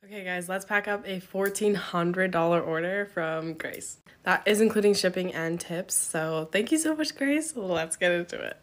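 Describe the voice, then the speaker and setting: Chatty woman listing items, slightly low voice. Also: moderate pace, hardly any pauses. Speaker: crystal shop owner. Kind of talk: casual narration while packing orders.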